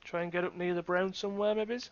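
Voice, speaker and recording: High-voiced man co-commentating, dull lo-fi sound. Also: little pitch movement, fast, no echo. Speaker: snooker co-commentator. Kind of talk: live sports commentary, conversational.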